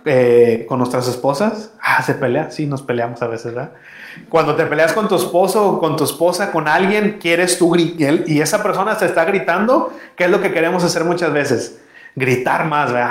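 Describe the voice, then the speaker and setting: A man's voice: a little high, echoey room. A man preaching a sermon as a pastor, talking conversationally and asking his congregation questions.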